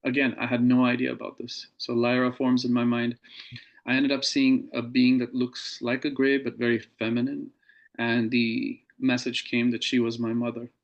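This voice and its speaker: A man as an interview guest, recounting a personal experience in a measured, earnest way with pauses. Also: mid-range voice, completely flat delivery, dull audio.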